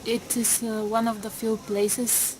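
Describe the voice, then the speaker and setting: A woman of twenty-two, a student answering interview questions slowly, pausing often on fillers. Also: on the high side, flat delivery. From Bulgaria. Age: 20s. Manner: hesitant, many pauses and fillers. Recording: noisy background.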